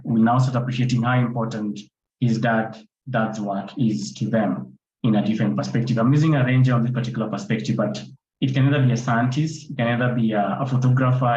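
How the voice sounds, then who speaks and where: This Kenyan-accented panelist, a conservation photographer and filmmaker, describes his approach with repeated points and rhetorical questions. His voice sits on the low side with a darkish tone, and the dull, roomy online-call recording carries a little hiss or hum.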